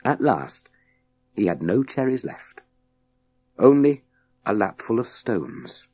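Reading scripted narration of a children's sci-fi novel, this man sounds low, mellow and a touch husky, with no echo. His pitch moves in big swings, and he goes very slowly with purposeful pauses, dramatic and measured like a seasoned audiobook reader spinning a story for kids.

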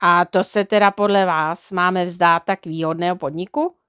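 Woman doing a gruff grumbling crook. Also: on the low side, steady tone, a bit bright, no echo, clean studio sound, close to an everyday voice.

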